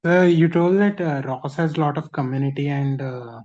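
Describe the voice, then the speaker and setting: A man's voice: a little high, moderate pace, darkish tone, highs cut off. A man, a student, asking a question in an online class in a polite, hesitant way. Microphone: video call.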